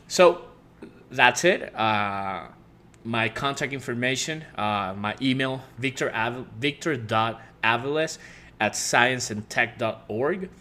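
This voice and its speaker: Speaking in a bright, forceful, mid-range voice, a man in his thirties from Puerto Rico, whose first language is Spanish and who has a Puerto Rican accent, welcomes parents as a high school teacher and advisor. The casual video is friendly and meandering, packed with fillers and restarts.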